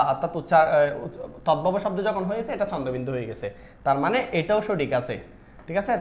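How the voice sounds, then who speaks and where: During a live online class, a Bangla admission-test teacher explains spelling questions at a fast clip in a high voice, with the room echoing around him. He speaks to his students directly, keeps quizzing them, often says "dekho," and answers his own questions.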